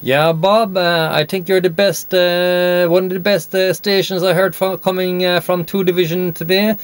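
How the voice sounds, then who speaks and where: An Irishman from Cork chats over CB radio, repeating words and spelling them out in radio phonetics as he makes contact. His voice sits high, with a flat delivery and a moderate pace, captured in a noisy CB radio shack.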